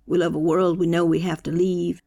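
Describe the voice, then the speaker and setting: In an audiobook character voice, a narrator plays a fervent elderly male preacher firing rhetorical questions at a funeral gathering. The delivery is preaching, a little fast, in a mid-range, level, dark voice with vocal fry.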